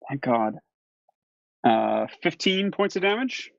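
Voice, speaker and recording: A man's voice: fairly high pitch, sing-song, slow, creaky, dry recording. A man playing a tabletop game, hesitant, with many fillers as he describes his moves. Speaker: player. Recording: dull lo-fi recording.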